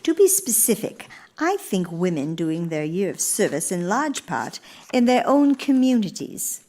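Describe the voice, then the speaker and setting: In this radio theater piece of monologue and dialogue, an actress voices an earnest, gracious elder First Lady, speaking formally with theatrical emphasis. Her voice sits on the low side, with a dark tone and a sing-song, slightly slow delivery.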